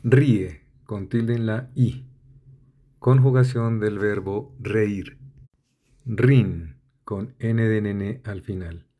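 Brief: male reader, low voice, unhurried pace, methodical dictionary-style delivery. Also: muffled recording. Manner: spells out letters and lists synonyms methodically. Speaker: vocabulary reader. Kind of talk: slow, deliberate dictionary reading.

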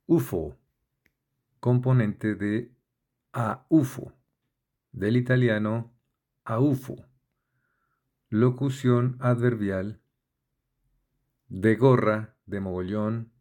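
A man with a low, dark, mellow voice reads through a word list at a very slow, deliberate pace. He spells out each letter and accent mark carefully, like a dictionary being read aloud. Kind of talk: slow dictionary-style reading.

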